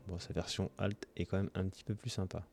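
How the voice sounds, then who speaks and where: A man's voice: sits low, level tone, quick pace, vocal fry, a little mellow. A man hosting his own channel, opening trading card packs in casual commentary, reading off card names and gushing with delight over his pulls.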